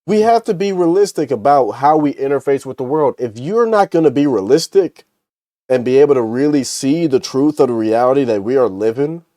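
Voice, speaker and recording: A man co-hosting a casual podcast discussion at a middle pitch, his voice close and dry with no room sound. He talks in an animated way and now and then slips into mocking impressions. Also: brisk, no echo. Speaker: podcast co-host.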